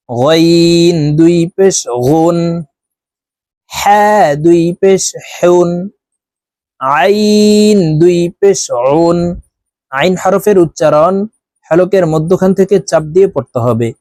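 A man teaching Quran letter pronunciation, reciting each letter and syllable slowly and clearly, with quick explanations in between. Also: sits high, steady tone, a little mellow, no room sound. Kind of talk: slow recitation drill.

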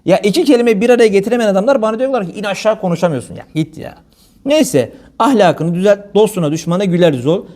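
A man delivers a loose, conversational sermon from a lectern, speaking quickly in a rather high voice. His speech is blunt and everyday, sprinkled with pious exclamations. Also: lively intonation, darkish tone. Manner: blunt colloquial speech mixed with religious phrases. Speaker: preacher. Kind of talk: informal religious talk.

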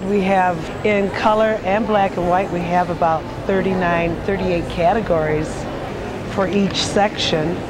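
A woman explaining a photography exhibit in an interview, pausing to check her numbers. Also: lowish voice, fairly even intonation, a loud crowd. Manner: counting figures, self-correcting. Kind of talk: casual interview. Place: indoor exhibition hall.

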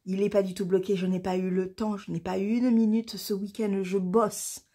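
A woman in her forties talking straight to her viewers in a relaxed knitting vlog. She chatters along at an everyday middle pitch, breaks into laughter often, and lets off steam with the odd swear word. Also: moderate pace. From France. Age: 40s. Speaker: knitting vlogger. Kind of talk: casual chat to camera.

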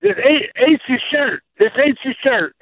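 A woman's voice: high voice, moderate pace, dry recording. Blunt woman on a tinny phone line. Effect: heard over a phone line. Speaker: prank call recipient.

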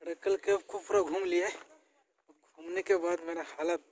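A man's voice: high voice, flat delivery, moderate pace, poor audio. A young man vlogging casually on a hill trail, talking into a phone at arm's length, chatty and tired from the climb. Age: young adult. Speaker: travel vlogger. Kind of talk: casual travel vlog. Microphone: phone held at arm's length. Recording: outdoor phone audio with crowd noise.

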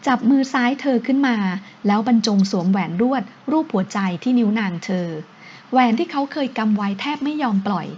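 A woman narrates an audio novel in a gentle, measured way. Her voice is fairly high and breathy-husky. The recording sounds dull and lo-fi. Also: expressive. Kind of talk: scripted narration.

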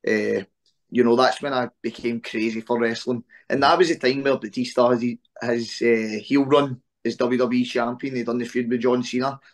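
A Scottish man in his early twenties, a guest speaking casually over a video call, relaxed with lots of "eh" fillers. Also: mid-range voice, moderate pace. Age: 20s. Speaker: interview guest, wrestler. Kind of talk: casual interview chat. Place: small room at home on a video call.

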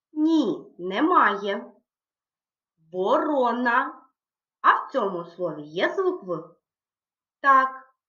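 Friendly cartoon gate helper, put on by a woman, slow and lively, quizzing children, echoey room, dull lo-fi sound. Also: a little high, heavily acted. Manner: asks children questions, then answers them.

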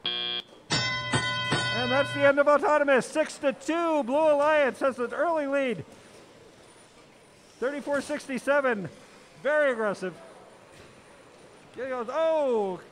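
A man calling a robotics match live as announcer, excitable and full of exclamations. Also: very high voice, slow pace, long pauses, soft background music. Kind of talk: live play-by-play commentary.

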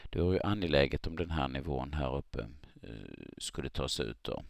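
Very deep gravelly man, dry close sound. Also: lively intonation, no echo. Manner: halting, many fillers, thinks aloud. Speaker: market analyst. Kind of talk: screen-recorded chart analysis.

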